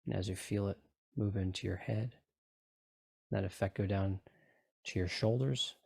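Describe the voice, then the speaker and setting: A lowish, husky, gravelly voice with a darkish tone and fairly even intonation belongs to this man, who speaks a little slowly. He leads a group in tapping and relaxation, giving coaxing, repeated instructions and checking in often with short questions.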